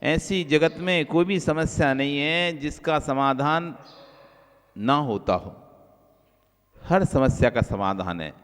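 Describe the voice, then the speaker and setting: Male Jain monk, sermon delivery, slightly high pitch, sudden drops to soft asides then raised emphasis, long hall reverb. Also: slow pace, long pauses, smooth. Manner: repeats key phrases for emphasis; swings between soft low asides and raised emphatic lines.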